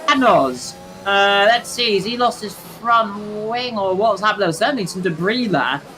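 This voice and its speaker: A young man commentating a sim racing league, chatty and excitable, shouting at crashes. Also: high-pitched, moderate pace, over music. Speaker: race commentator.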